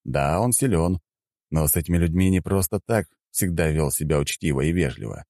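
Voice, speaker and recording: A male audiobook narrator tells a first-person fantasy story in a low, dark voice. His pitch moves a lot, and the read is close-miked and dry. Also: dry recording. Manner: measured, expressive storytelling.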